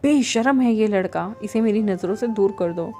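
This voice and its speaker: A woman voicing a stern, hot-tempered older uncle who scolds and shouts in anger. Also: mid-range voice, moderate pace, natural voice. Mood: scolding.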